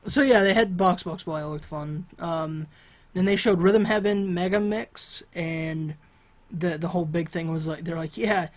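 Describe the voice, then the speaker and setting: A man co-hosting a video game podcast, talking casually and rambling, with lots of fillers and restarts. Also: high voice. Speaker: podcast co-host. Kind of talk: casual chat.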